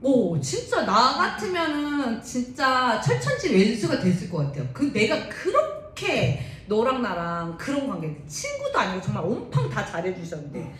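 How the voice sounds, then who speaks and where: A woman's voice: huge pitch swings, moderate pace, hardly any pauses. A woman teaching a Bible lesson to young people, telling the story in a chatty way and often asking the class questions. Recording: roomy echo, faint rumble.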